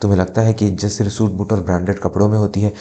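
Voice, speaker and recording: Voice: deep voice, flat delivery, rapid-fire, dark tone, close to an everyday voice. A man playing a stern police commissioner. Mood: scolding. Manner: authoritative, stern, indignant. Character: stern male police commissioner, protective son.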